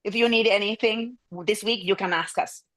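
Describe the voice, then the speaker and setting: A woman's voice: mid-range voice, steady tone, moderate pace, a bit bright, no room sound, rough recording. A woman whose first language is Spanish, hosting an online meeting in a friendly, hesitant way with many restarts. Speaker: meeting host. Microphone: video call.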